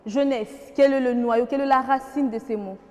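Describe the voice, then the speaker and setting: A woman's voice: sits high, steady tone, normal speed, a little mellow, in a large hall. A woman with a Congolese French accent teaching a primary school grammar lesson, patient and questioning, repeating key words for the class.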